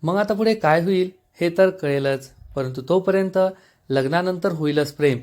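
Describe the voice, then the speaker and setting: A man narrating a TV serial episode recap in a steady storytelling manner. He speaks straight to his viewers. His voice is a little higher than most men's. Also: normal speed.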